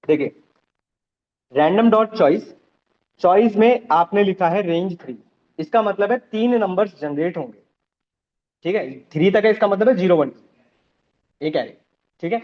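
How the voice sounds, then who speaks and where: A man's voice: sits high, lively intonation, unhurried, long pauses, highs cut off. A man teaching a live programming class, explaining step by step and often checking that the students follow.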